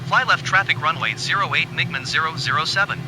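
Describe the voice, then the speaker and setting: Male pilot over the radio: brisk, even readbacks, a touch high, heavy engine noise underneath. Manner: clipped, even call-sign readbacks. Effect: pilot speaking over the aircraft radio. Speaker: pilot voice of a flight simulator. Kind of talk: radio phraseology.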